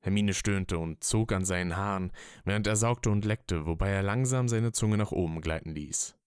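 A man reading a story as narrator in a steady, even manner. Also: deep voice, normal speed, clear, resonant tone, no room sound, studio quality. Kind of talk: scripted narration.

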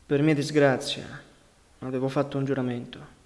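A man's voice: medium pitch, level tone, normal speed, natural voice. A man voicing a curt, sardonic young partisan leader with a dry, mocking manner, in a storybook reading. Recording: long reverberant hall sound.

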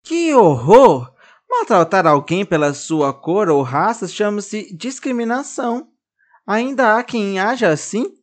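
A narrator voicing a small, lively girl who bosses her dolls around, in a high, expressive child's voice. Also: measured pace, natural voice. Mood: carinhosa. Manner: fala aguda e expressiva de criança. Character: menina pequena, animada e mandona com os bonecos.

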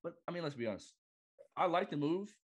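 A man appearing as a guest on a casual sports podcast, talking in halting bursts and often restarting his sentences. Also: fairly high pitch, lively intonation, muffled recording. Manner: halting, lots of fillers and restarts.

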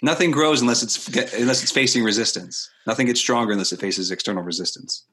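A man co-hosting a casual podcast, telling stories with a lively, swooping voice. His tone is bright but a little husky. He acts out the people in his anecdotes. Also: medium pitch, quick pace. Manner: animated storyteller, acts out voices. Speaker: podcast co-host. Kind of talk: casual chat.

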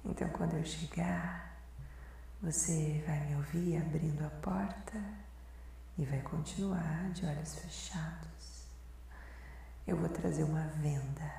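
A Brazilian woman doing an intimate ASMR role-play, breathy and sensual, murmuring as if right in the listener's ear. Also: deep voice, dark tone, slight background noise. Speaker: host of an erotic audio podcast. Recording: very echoey voice over faint music. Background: music.

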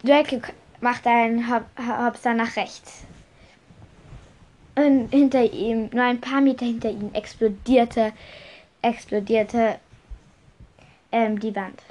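A woman narrating a story she makes up as she goes, often stopping to restart words. Her voice sits fairly high. The telling is casual and unscripted. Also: fairly even intonation, a little mellow. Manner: halting, self-correcting.

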